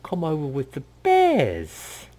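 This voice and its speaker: A man's voice: on the high side, wildly swooping pitch, takes it slowly, background noise, voice pushed up, exaggerated voice. A man voicing a bossy woman who leads a bear clan and scolds sharply. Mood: scolding.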